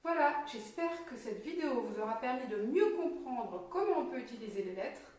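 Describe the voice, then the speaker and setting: Echoey French woman teaching slowly. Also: on the high side, lively intonation, darkish tone, recorded from a distance. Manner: slow, clear, syllable-by-syllable teaching. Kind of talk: teaching lesson for young children. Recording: very echoey room, voice from off mic.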